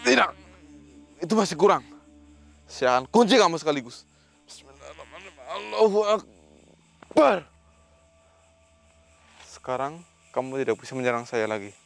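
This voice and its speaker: Hosting a ghost-hunting vlog, a paranormal investigator sternly and commandingly confronts an unseen spirit, reciting Islamic prayers between questions. His medium-pitched voice is a bit bright and fairly quick, broken by frequent pauses.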